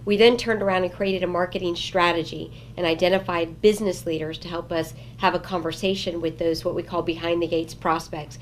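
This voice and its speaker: A woman's voice: lowish voice, fairly even intonation, brisk, few pauses, a little hiss or hum, rough recording. A woman with an American accent giving formal, explanatory answers as an executive interviewee. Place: office interview.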